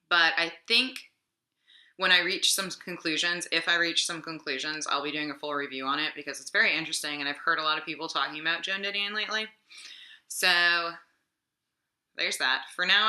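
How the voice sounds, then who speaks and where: Low, bright and forceful, the voice belongs to a young adult woman who vlogs about books. Sounding a little under the weather, she chats about what she read this week, rambling with plenty of fillers in an echoey home room.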